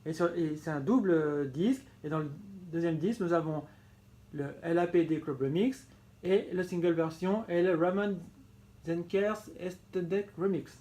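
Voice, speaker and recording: A man with a slightly high voice walks through his record collection in a relaxed home-video manner. He talks with eager affection, repeating words and stopping to correct himself. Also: moderate pace. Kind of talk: casual show-and-tell vlog.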